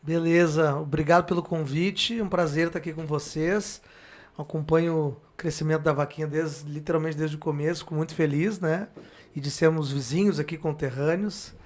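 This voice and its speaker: Slightly high voiced guy from porto alegre, southern brazil accent, podcast guest, chats haltingly. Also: fairly even intonation. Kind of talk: casual chat.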